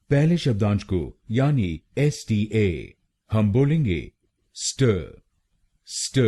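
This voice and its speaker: A man with an Indian accent teaches pronunciation at an unhurried pace. His voice is low, mellow and a little husky. His intonation is lively, and he repeats each word and syllable deliberately. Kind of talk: scripted pronunciation lesson.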